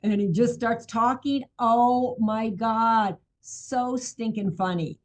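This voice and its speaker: A woman's voice: a little high, slow pace. Effusive older woman hosting a chat. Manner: effusive and exclamatory. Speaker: podcast host. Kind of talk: casual conversation.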